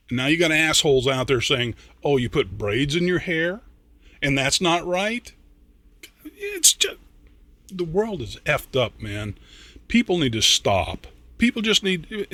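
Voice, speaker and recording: An older man talks slowly and haltingly, rambling between thoughts and dropping the odd curse. He is a little tipsy, his words starting to slur. The sound is dry and close, with no room echo. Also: on the high side, pushed and bright. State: tipsy, slightly slurring. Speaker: reaction video host. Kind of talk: casual spoken reaction.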